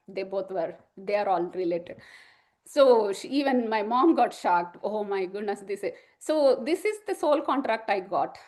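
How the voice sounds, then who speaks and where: A middle-aged woman, sharing an emotional personal testimony in a halting way, full of fillers and restarts. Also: mid-range voice, a little mellow. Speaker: spiritual group member sharing testimony.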